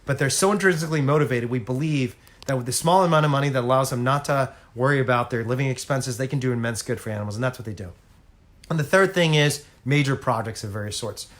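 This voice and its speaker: A man's voice: mid-range voice, quick pace. A man talking earnestly and persuasively to viewers on a casual home livestream, addressing them directly. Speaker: animal rights activist on a livestream. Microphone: phone or laptop on a home livestream.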